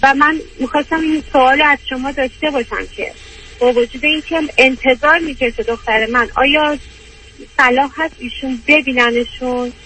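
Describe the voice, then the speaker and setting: A woman caller heard over a phone line on a radio call-in, her voice bright and high but far from the receiver. Faint hiss rides under her halting, roundabout telling. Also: steady tone. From Iran. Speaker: caller to a radio advice show. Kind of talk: call-in consultation. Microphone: hand-held phone. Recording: distant noisy phone line.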